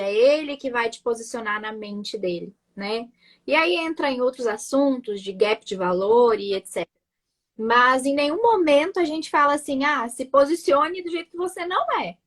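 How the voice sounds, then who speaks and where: In a casual interview, a guest who makes marketing content as a nurse talks freely and at length in a high, slightly bright voice. Her accent mixes gaúcho and Florianópolis, typical of southern Brazil, and she comes from Rio Grande do Sul. She repeats words often and tags her points with "né?" and "sabe?"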